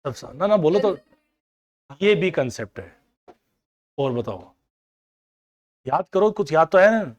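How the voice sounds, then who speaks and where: A man's voice: fairly high pitch, lively intonation, a little slow. Man coaxing a class of students. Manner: coaxing students to recall answers; everyday household examples, mixing in English terms. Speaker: accounting teacher. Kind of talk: classroom lecture.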